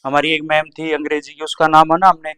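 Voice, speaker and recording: A young man doing stand-up comedy, telling school stories in an animated way and acting out teachers and classmates. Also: a little high, smooth. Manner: animated, acts out teachers and classmates in quick voices. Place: comedy club stage.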